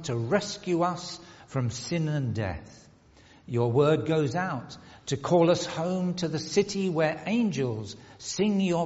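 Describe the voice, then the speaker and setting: A man leads the communion prayer in a large church, measured and solemn at an unhurried pace. His voice hangs in a long cathedral-like echo. The recording sounds dull and slightly muffled. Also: a little high, a little mellow. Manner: slow, measured, solemn intoning. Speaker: priest leading the communion prayer. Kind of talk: liturgical prayer recitation.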